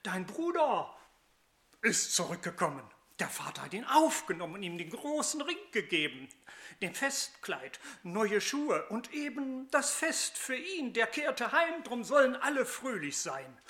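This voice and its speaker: A storyteller retelling a parable in rhymed verse, with a measured, sing-song reading. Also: medium pitch, sing-song, pushed and bright.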